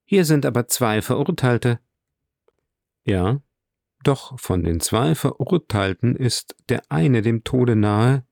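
A man's voice: mid-range voice, animated, slow, creaky, darkish tone, no echo. A man voicing a cool, detached aristocratic count in an audiobook reading. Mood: cold, knowing. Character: cold, composed aristocratic count.

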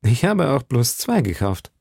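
A man voicing a gallant, poetic young musketeer who speaks in a measured, courtly way. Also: medium pitch, very animated, gravelly, a little mellow, husky, dry recording, studio quality, heavily acted.

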